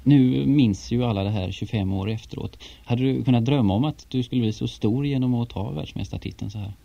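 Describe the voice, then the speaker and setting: A male radio host asks his guest questions in a relaxed, plain manner. His voice is very dark and gravelly with creak. The studio sound is a bit dull, like older tape. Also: medium pitch. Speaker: radio interviewer. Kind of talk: studio interview.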